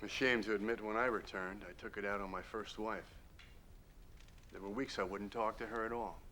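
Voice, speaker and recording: An actor playing a remorseful middle-aged male veteran who confesses in halting, ashamed talk. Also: fairly low pitch, steady tone, bright, forceful tone, a little hiss or hum. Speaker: veteran in counseling group.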